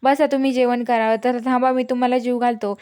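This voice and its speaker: A woman's voice: a little high, flat delivery, a little fast, darkish tone, smooth, close to an everyday voice. A woman voicing a young male caretaker who scolds and fusses over the lady he looks after, in a retold serial story. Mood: scolding. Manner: scolding, bossy.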